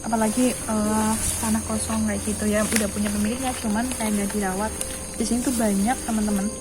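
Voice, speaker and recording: A woman's voice: mid-range voice, level tone, fairly quick, heavy background noise. A woman hosting a casual night exploration vlog, speaking in a nervous, hesitant way and often repeating her words. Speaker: vlog host exploring empty houses.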